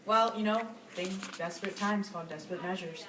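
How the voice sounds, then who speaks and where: A woman's voice: fairly low pitch, a little fast, close to an everyday voice. Woman as boastful male tycoon, defensive, rhetorical questions, amateur skit, echoey room, chatter behind. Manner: defiant, repeats rhetorical questions. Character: smug, defensive male steel tycoon, self-made and boastful. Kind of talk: amateur student skit interview. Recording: echoey distant room recording with crowd chatter.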